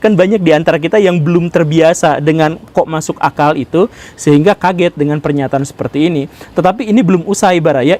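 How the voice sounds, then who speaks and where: A man hosting a history channel, telling history as a lively story and speaking straight to his viewers. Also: on the high side. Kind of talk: history commentary.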